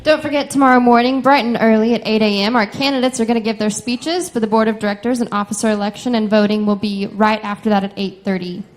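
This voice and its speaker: A woman's voice: a little high, fairly even intonation, quick pace, hardly any pauses. A woman making announcements as the announcer of an event.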